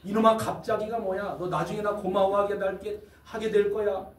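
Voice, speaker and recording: Preacher doing a gruff scolding prisoner. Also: male voice, high voice, flat delivery, normal speed, slight background noise, lightly acted. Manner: bossy, scolding, threatening. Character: gruff male death-row prisoner preaching bluntly. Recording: echoey hall from far off.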